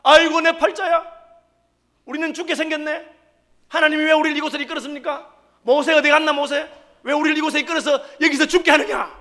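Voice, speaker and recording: Man putting on a moaning ancient Israelite, self-pitying, drawn-out wails, very high strained voice. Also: fairly even intonation, sharp tone, exaggerated voice. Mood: wailing.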